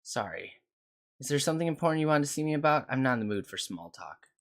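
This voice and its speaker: A man's voice: medium pitch, very animated, quick pace, pitched above the performer's own voice. A man reading aloud the lines of a short-tempered young female technical consultant, snappish and complaining. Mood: grumpy. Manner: snappish, complaining, then apologetic. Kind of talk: reading game dialogue aloud.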